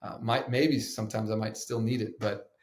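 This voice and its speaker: A man, a pastor appearing as a podcast guest, telling a personal story in an animated, emphatic way. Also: fairly low pitch, normal speed, roomy sound. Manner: animated, emphatic, acts out quotes. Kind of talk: conversational storytelling.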